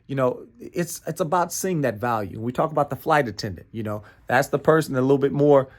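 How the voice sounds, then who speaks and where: With a medium pitch and a fairly quick pace, an American man presents a motivational training talk. He is emphatic and playful, leaning on repeated phrases, frequent "right?" check-ins, and chuckling asides.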